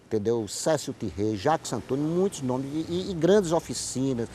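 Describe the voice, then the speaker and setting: This middle-aged man, a writer and playwright from Paraíba with a Northeastern Brazilian accent, is a talkative TV interview guest who explains, repeats and rephrases. His medium-pitched voice is mellow, with lively intonation at normal speed. There's slight background noise.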